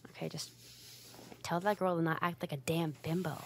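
A woman with a low voice, accompanied by a slight hiss or hum, plays a tsundere roommate in an ASMR roleplay. The character is flustered and easily embarrassed, stammering, huffy, hesitant, and defensive, yet secretly fond.

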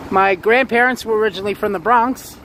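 Guy w/ queens ny accent, pretty high voice, chatting on a walking livestream, noisy street w cars. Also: fairly quick, a bit bright. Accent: Queens New York. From Queens, New York City. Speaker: livestream host. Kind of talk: casual walking livestream chat. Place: outdoors on a busy city sidewalk. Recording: noisy city street with traffic. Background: street ambience and passing cars.

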